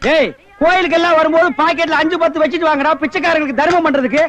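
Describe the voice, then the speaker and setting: Scornful, mocking loudmouth. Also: male voice, extremely high pitch, fairly even intonation, very fast. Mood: scolding. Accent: Tamil. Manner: sharp mocking scolding. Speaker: comedy actor. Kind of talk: film comedy scene.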